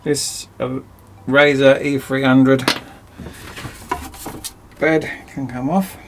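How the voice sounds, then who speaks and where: A man's voice: medium pitch, little pitch movement, extremely slow, gravelly, background noise. A man chatting casually and self-mockingly as he rambles through a DIY project in his cramped home workshop. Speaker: DIY video host.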